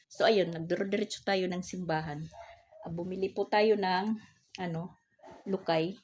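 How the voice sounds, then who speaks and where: A woman's voice: lowish voice, steady tone, moderate pace, a little mellow, a little hiss or hum. A middle-aged woman, telling a story to her vlog viewers in a polite, chatty way. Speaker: vlog host.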